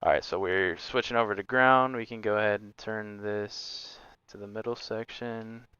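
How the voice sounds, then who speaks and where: A man's voice: on the low side, steady tone, normal speed, sharp tone, smooth, no echo, highs cut off. A man livestreaming a flight simulator, chatting casually and making pilot radio calls.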